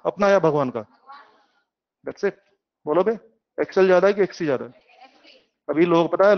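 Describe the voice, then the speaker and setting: A middle-aged man teaching physics, lively and questioning, drawing in his students with homely examples. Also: on the high side, dull audio. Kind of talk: classroom lecture.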